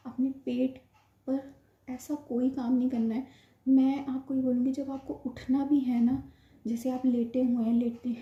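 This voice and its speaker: A woman's voice: fairly high pitch, warm tone. A young woman, slightly short of breath, earnestly giving repetitive, instructive advice in casual talk to camera. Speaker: vlogger sharing her IVF experience. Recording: roomy, dull lo-fi home recording.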